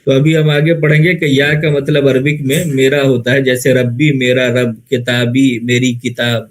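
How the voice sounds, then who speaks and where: Speaking at a middle pitch normal for a man, an Indian Urdu-accented Arabic grammar teacher lectures with calm, methodical patience. He rewords each term repeatedly and answers the questions he raises himself, though the recording quality is low.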